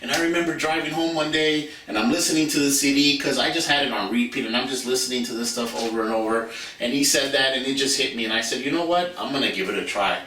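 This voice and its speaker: Bright, profane motivational man, roomy. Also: medium pitch, far from the mic, slight background noise. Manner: profane, fired-up, repeats phrases for emphasis. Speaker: business mentor. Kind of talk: motivational talk to camera.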